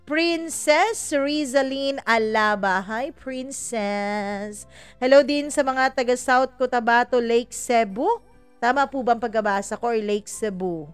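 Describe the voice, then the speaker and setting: A woman hosting a podcast talks in a relaxed, chatty way and slips in playful jokes. Her voice is smooth and sits fairly high. Soft music plays faintly underneath. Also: a little slow. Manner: chatty, teasing, laughs at her own jokes. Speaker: podcast host reading listener shout-outs. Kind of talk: casual chat.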